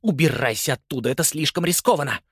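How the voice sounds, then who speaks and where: A man's voice: a little high, animated, quick pace, slightly rough, no room sound, studio quality, voice pushed up. A man voicing a stern, commanding policewoman aunt in an audiobook.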